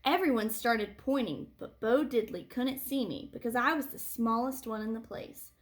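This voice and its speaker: A woman reading a picture book aloud to children like a teacher, with animated phrasing and deliberate emphasis. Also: a little high. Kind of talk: expressive read-aloud storytelling for children.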